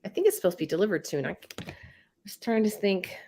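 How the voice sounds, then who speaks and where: A woman with a medium-pitched, warm voice talks quickly while hosting a casual live stream despite a congested head cold. She rambles chattily as she reads out viewer comments, laughing often.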